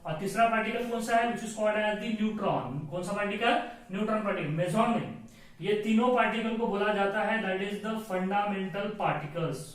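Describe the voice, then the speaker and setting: A man teaching a chemistry lecture, who asks his students questions, answers them himself and repeats the key terms. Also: high-pitched. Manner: mixes in slow, drawn-out English phrases. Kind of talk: classroom lecture. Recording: echoey room, voice from far off.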